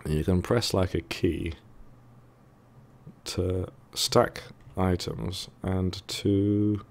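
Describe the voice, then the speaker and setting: A man's voice: deep voice, fairly even intonation, extremely slow, darkish tone. A man with a thick, sore-throated voice giving casual, hesitant let's play commentary, musing to himself as he goes. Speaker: gaming video host.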